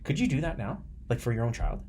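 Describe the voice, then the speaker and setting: A man's voice: medium pitch, big pitch swings, fast talker, darkish tone, husky. A man hosting a casual podcast interview, enthusiastic and chatty, with lots of "like" and restarts. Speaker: podcast host, teacher.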